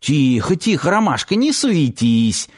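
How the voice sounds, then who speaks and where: A male audiobook reader voicing a rough, predatory man who coaxes in low whispers and snarls threats. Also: big pitch swings, measured pace, exaggerated voice. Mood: leering coaxing. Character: rough, predatory grown man, menacing and crude.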